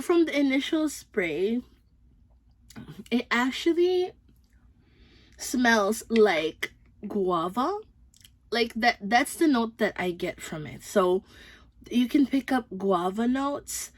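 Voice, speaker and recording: A young Filipino beauty vlogger with a fairly high voice chats upbeat through a casual fragrance review, using plenty of fillers. She has a Filipino accent, and the recording is dry.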